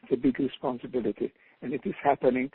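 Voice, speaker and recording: Calling in by phone from his home abroad, an older Hungarian author speaks English with a Hungarian accent on a panel, reflecting earnestly and often repeating words while he hunts for them. His medium-pitched voice is level and quick, with no echo, over a husky, tinny phone line.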